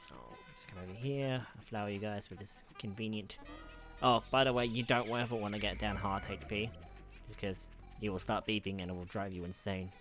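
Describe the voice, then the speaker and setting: A man giving casual, chatty commentary while playing a video game, muttering to himself, swearing freely and sounding exasperated at the game. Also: on the low side. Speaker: let's play gamer.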